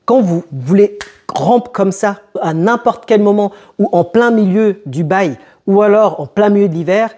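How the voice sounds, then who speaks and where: A man's voice: high voice, unhurried, warm tone. A young man hosting a casual advice vlog, speaking straight to his viewers and putting rhetorical questions to them. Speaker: YouTube host giving advice to newcomers.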